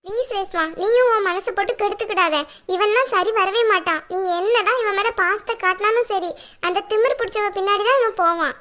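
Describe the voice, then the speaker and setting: A woman's voice: very high voice, fairly quick, pushed and bright. A woman voicing a blunt middle-aged mother who scolds her son in a cartoon drama. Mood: scolding. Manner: scolding, bossy.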